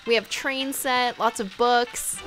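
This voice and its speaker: A woman's voice: fairly high pitch, fairly even intonation, slow pace, fairly bright tone. A young woman giving a casual, gushing tour commentary, full of "like" fillers. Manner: bubbly, gushing, frequent "like" fillers. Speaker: game island tour vlogger. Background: faint game music.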